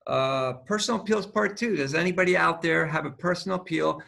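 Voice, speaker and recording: A man, the council president, chairing a virtual meeting in a brisk, procedural way. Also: on the high side, gravelly, pushed and bright.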